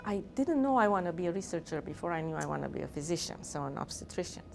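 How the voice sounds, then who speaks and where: A woman's voice: on the low side, animated, fast talker, vocal fry, faint music behind. A middle-aged woman from Romania, a physician and researcher, speaking earnestly in an interview with fillers and restarts. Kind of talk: interview talk.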